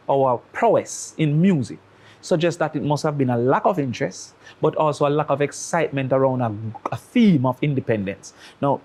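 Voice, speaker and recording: Here a man with a Jamaican accent speaks in a fairly high voice with a darkish tone. He's a studio guest giving opinionated commentary, building his argument on analogies and rhetorical questions.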